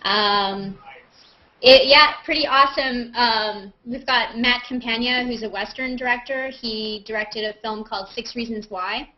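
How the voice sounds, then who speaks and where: Hosting a group video hangout, this actress chats informally and reads comments aloud in an animated way. Her voice is on the high side and unhurried, coming through dull, lo-fi call audio.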